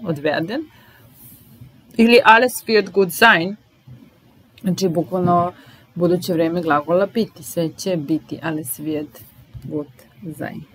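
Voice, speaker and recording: A woman teaching a language lesson, slowly repeating each phrase and then explaining it. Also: on the low side, fairly bright tone, slight background noise, low-quality recording. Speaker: German teacher.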